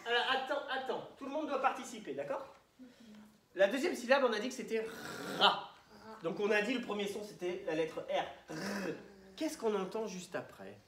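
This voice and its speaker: A woman's voice: mid-range voice, recorded from a distance. Woman teacher, patient and coaxing, echoey room with faint noise. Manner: patient and coaxing, sounding out syllables slowly. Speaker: primary school teacher. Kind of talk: classroom lesson for young children.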